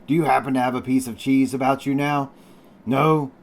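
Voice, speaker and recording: A ragged old sailor left alone for years on an island, as a man reads him aloud. His voice comes out cracked and rusty, and he drawls his words slowly. The voice suits a read-aloud storybook. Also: medium pitch, flat delivery, voice pushed up, natural voice. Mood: pleading. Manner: slow, drawling sailor's speech. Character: ragged, half-wild old marooned male sailor.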